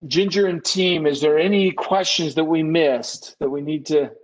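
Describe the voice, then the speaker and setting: This business consultant presents a laid-back live webinar Q&A in a fairly high voice with fairly even intonation and a moderate pace. He thinks out loud and often corrects himself along the way, and the audio is poor.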